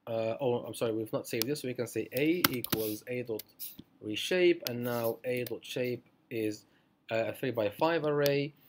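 A man's voice: mid-range voice, normal speed, noisy background. A man teaching a programming tutorial over a screencast, talking it through with many fillers and self-corrections. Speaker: programming instructor.

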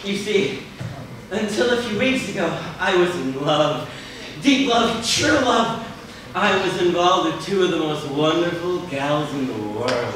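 A man plays a despairing young man on a rooftop, melodramatic one moment and deadpan the next. His pitch moves a lot across each line. The sound comes from far off in a large echoey hall, with steady noise underneath. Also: unhurried. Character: despairing young man threatening to jump off a roof. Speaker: stage actor. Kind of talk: live stage comedy sketch. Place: large indoor theater stage. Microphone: distant camera mic.

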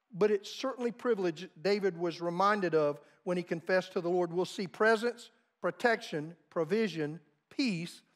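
A man preaching a sermon, telling stories with emphasis and big swings between loud and soft. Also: high voice. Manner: storytelling, emphatic, dramatic swings in volume. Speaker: pastor.

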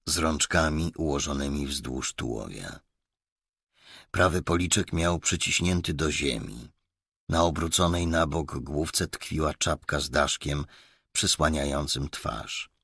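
A man narrating a crime audiobook in an expressive storytelling way. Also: rumbling low, breathy edge, dry recording, studio quality. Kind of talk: scripted narration.

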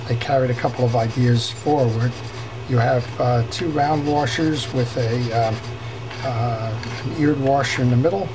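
A mid-pitched male voice, slightly slow and captured on a low-quality recording, guides viewers through mending a fishing reel at his workshop workbench. His delivery is leisurely, peppered with fillers and restarted sentences.

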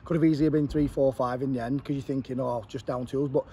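A man's voice: medium pitch, steady tone, quick pace, mellow, a little hiss or hum. A man in his forties with an English accent, a football manager giving an earnest post-match interview outdoors at a ground, repeating words as he thinks.

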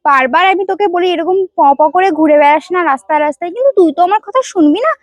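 A woman acting a spoiled, condescending young woman in a comedy skit, with whiny, drawn-out, prissy sorority-girl speech. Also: very high voice, a little hiss or hum. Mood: smug scolding.

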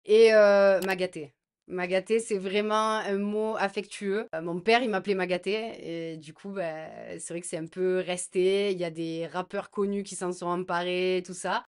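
A woman's voice: mid-range voice, fairly even intonation, moderate pace, hardly any pauses, clean tone. Brief: southern French woman, open and sincere interviewee. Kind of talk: street interview.

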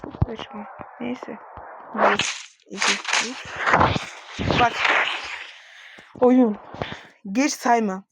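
A woman's voice: fairly high pitch, fairly even intonation, slow, pauses often. Exasperated young woman commentating gameplay. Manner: complaining, exasperated, talks to the game. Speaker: gamer streaming gameplay. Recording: loud background noise with clicks.

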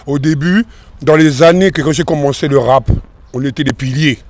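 A man in his thirties from France, his voice a touch high, answering an interviewer in a loose, rambling way outdoors. He speaks into a handheld mic, with restarts and easy pacing. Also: moderate pace, a little mellow, slight background noise. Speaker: rapper guest. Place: outdoors by a river in a park. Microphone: host's handheld mic.

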